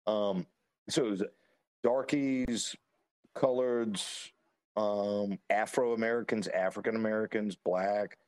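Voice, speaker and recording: A man's voice: lowish voice, fairly even intonation, takes it slowly, a little mellow, no echo. A man chatting casually on a podcast, telling rambling stories with chuckles and lots of fillers. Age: adult. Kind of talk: casual chat.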